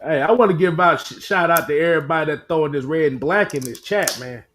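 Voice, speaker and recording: Animated high-voiced man riffing on football. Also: fast talker. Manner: animated, laughing, repeats himself for emphasis. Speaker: sports talk co-host. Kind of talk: casual sports chat livestream.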